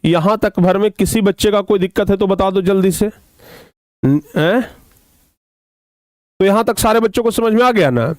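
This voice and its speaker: A man teaching a grammar lesson to children, repeating key terms slowly and checking that they follow. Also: high-pitched, a little mellow, no echo, clean studio sound.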